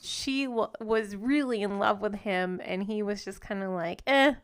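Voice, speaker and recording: A woman's voice: mid-range voice, steady tone, measured pace. A woman co-hosting a podcast in casual chat, mostly adding short agreements and laughs. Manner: supportive listener, brief agreements and laughs. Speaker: podcast co-host.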